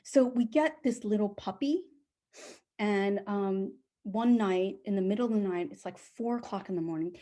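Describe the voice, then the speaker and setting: A woman in middle age tells a true story from her own life. She talks with lively energy and slips into the voices of the people she describes. Her voice sits at an ordinary middle pitch. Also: moderate pace. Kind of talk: spoken personal storytelling.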